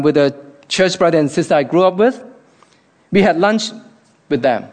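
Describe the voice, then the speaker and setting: A man from Hong Kong with a Hong Kong accent, giving an earnest, reflective devotional talk. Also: sits high.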